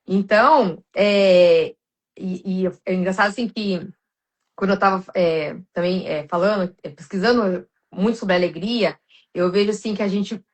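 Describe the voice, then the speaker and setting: Uma mulher brasileira, com sotaque brasileiro, fala com sinceridade em um podcast cristão, com muitas hesitações e recomeços. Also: female voice, mid-range voice. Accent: Brazilian Portuguese. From Brazil. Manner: earnest, many restarts and fillers, addresses listeners as "gente". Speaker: podcast guest.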